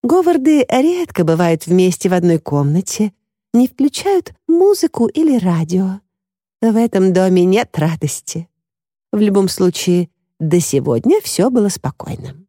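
A woman's voice: mid-range voice, big pitch swings, a little slow, dark tone, no room sound, clean studio sound, voice pushed up. A woman reading the lines of a nosy, disapproving woman neighbour in an audiobook. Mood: confiding.

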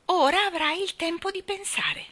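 Woman reader playing a severe, icily calm storybook nanny, voice pushed a little higher and louder, bright tone. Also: moderate pace, dry recording. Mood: mocking. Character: stern, haughty grown woman nanny.

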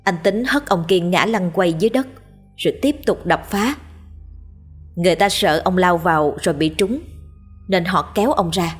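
Woman, ghost-story narration, measured, husky voice, low pitch. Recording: faint background music.

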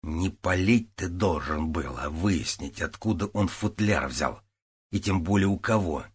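A man's voice: fairly low pitch, lively intonation, normal speed, slightly rough. A man voicing a weary, exasperated middle-aged police captain who barks orders and cuts in with sarcasm, read as an audiobook character. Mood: grating. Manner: stern, sarcastic, barking orders.

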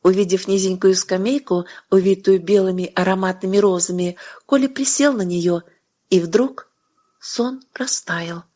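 A woman narrating a story with gentle, measured reading. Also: medium pitch, fairly even intonation.

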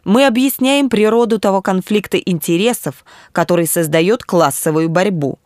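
A woman's voice: medium pitch, moderate pace, a little mellow, no room sound, clean studio sound, close to an everyday voice. A woman voicing a confident man who patiently argues for socialism, in an audiobook reading. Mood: calm, reasoning. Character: earnest confident male socialist thinker, calm debater.

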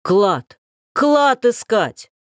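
A woman's voice: on the high side, very animated, very slow, no room sound, clean studio sound, voice pushed up, full character voice. A woman reading an audiobook, voicing a frightened young nobleman who pleads in panic with a cracking voice. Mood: panicked. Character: frightened young male dandy begging forgiveness.

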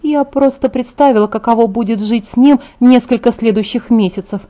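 A lively young woman talks in a high, emphatic way, brisk and teasing, as a woman narrator puts her on. Her tone stays mellow underneath. It is an audiobook reading. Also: lightly acted.

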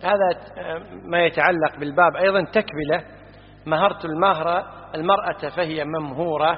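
A man teaching from a classical grammar book, patiently explaining and slowly repeating word forms, checking that his listeners follow. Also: on the high side, steady tone. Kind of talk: classroom lecture. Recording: muffled recording in a reverberant hall.

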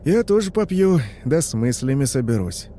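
A man's voice: medium pitch, very animated, normal speed, dark tone, slight background noise. A man in the role of a taxi driver, telling a horror story in a conversational, confiding way. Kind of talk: scripted horror narration.

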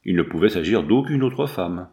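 Lively male audiobook narrator. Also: low-pitched, normal speed. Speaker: audiobook reader. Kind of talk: scripted narration of a novel.

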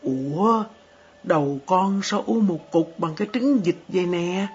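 A tender, worried old grandfather, put on by a woman reading a storybook, speaking in a low, unhurried voice. He talks softly, as if calming a small child. The audio is dull and lo-fi, with faint music underneath. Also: breathy edge, exaggerated voice. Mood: alarmed. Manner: soft, slow, soothing.

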